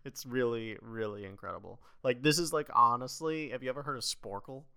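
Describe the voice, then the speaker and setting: A young man co-hosting a podcast, chatting casually and excitably, with lots of "like" and frequent laughs. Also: medium pitch, a little fast, vocal fry, clean tone, no echo. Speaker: podcast co-host.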